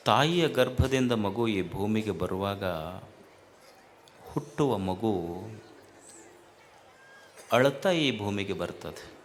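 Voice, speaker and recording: A man preaches at a slow, deliberate pace. He repeats phrases and lifts into loud, pressing questions. Faint outdoor ambience sits under his voice. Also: lowish voice, expressive, a little hiss or hum. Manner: slow, repeating lines for stress, rising to loud emphatic questions. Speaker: swami giving a spiritual discourse. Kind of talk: sermon to a crowd.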